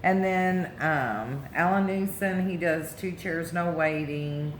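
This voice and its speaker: Low-voiced woman chatting in an echoey room. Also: slow. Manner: conversational, short interjections, reminiscing. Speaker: vlog co-host. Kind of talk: casual chat. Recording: roomy echo with faint background noise.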